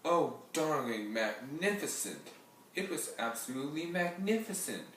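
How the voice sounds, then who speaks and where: A man's voice: fairly low pitch, unhurried, far from the mic, slight background noise, close to an everyday voice. A man voicing a theatrical, melodramatic older aunt who gushes and wails. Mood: gushing. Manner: gushing, swooning, wailing. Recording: very echoey room heard from afar.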